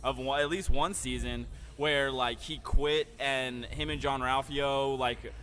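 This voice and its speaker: A man's voice: medium pitch, fairly even intonation, a little slow, a bit bright. A man co-hosting a casual podcast, rambling with hesitant fillers. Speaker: podcast co-host. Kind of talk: casual bar chat.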